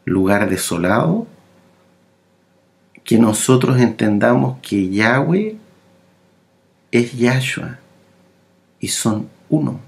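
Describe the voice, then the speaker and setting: Slow, gravelly male preacher. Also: medium pitch, lively intonation. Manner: slow, halting delivery with many fillers and repeated words. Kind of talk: sermon.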